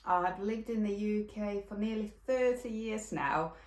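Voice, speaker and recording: Speaking at a measured pace with a medium-pitched, slightly mellow voice, this Finnish woman in her forties chats casually on her knitting podcast, and the sound is roomy. Her talk wanders, full of fillers and false starts, in a Finnish accent.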